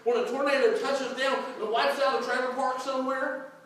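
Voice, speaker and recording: A man preaching a sermon as a pastor, folksy and repetitive, swinging between loud and soft. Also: very high-pitched, level tone, moderate pace. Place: church sanctuary. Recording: echoey church recorded from far off.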